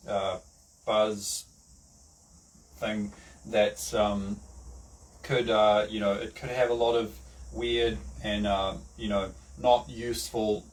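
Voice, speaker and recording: A man with a New Zealand accent giving a rambling, casual lesson, full of fillers and restarts. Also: mid-range voice. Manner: halting, many fillers and restarts. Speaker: online lecturer. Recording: distant mic with faint background noise.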